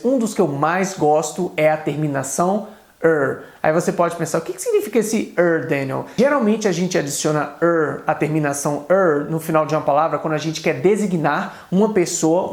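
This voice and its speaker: A man with a Brazilian Portuguese accent teaching an English video lesson, explaining quickly and saying English examples slowly and carefully. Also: fairly high pitch, roomy sound.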